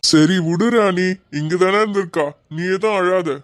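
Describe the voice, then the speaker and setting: A performer voicing a gentle, protective village man in an animated drama, calm and reassuring. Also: medium pitch, normal speed, lightly acted. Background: music.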